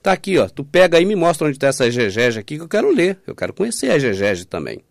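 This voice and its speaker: Man, informal online sermon, sarcastic, swings between loud and hushed, higher-pitched voice. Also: sing-song, fast talker, creaky, no echo, clean studio sound. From Minas Gerais, Brazil. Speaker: preacher.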